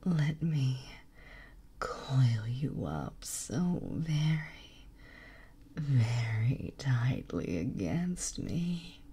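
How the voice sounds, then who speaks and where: Lady doing a slow, mellow, whispery snake mom coiling you up to sleep, teasing and calm. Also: extremely low pitch, slightly rough, pitched below the performer's own voice, full character voice. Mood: soothing. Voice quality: soft whispering. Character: motherly snake woman coiling the listener to sleep. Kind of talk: ASMR role play.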